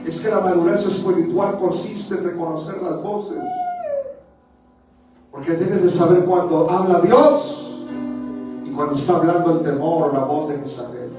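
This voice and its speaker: A man preaching a sermon as a church elder, swinging from soft, hushed lines to shouted ones. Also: fairly high pitch, a little slow. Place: church sanctuary. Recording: echoey church hall from far off, music behind.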